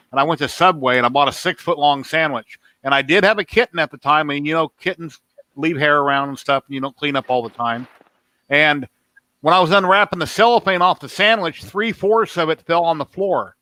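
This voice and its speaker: A man's voice: fairly high pitch, pushed and bright, no room sound. A man in his fifties hosting a livestream, telling rambling stories in casual chat. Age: 50s. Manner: rambling storyteller. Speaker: livestream host.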